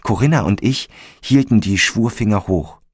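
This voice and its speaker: A man narrating a story in a calm, measured audiobook style. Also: fairly low pitch, slightly rough, dry recording, studio quality.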